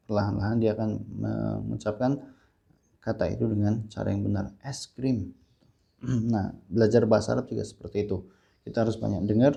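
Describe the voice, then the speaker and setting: A man teaching an Arabic lesson, reading sentences slowly for listeners to repeat and clearing his throat often. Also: lowish voice, warm tone, highs cut off. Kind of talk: classroom-style language lesson.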